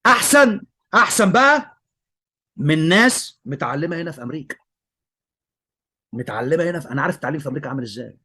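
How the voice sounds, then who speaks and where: A man's voice: fairly high pitch, racing, long pauses, a bit bright, breathy edge. A man with an Egyptian Arabic accent, an English teacher giving emphatic commentary and repeating his praise of a student.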